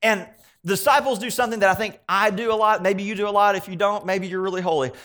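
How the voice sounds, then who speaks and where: Male pastor, slightly higher voice, relaxed conversational preaching with quiet asides and emphatic bursts. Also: fast. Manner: conversational preaching, shifting between soft asides and emphatic points. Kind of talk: sermon. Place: church gathering.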